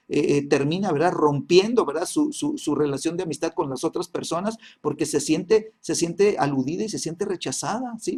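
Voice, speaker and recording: A man teaching a church Bible class, checking in constantly with listeners and pausing on repeated fillers. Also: fairly high pitch, darkish tone, slightly rough. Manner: constant "¿verdad?" and "¿sí?" checks, many halting fillers.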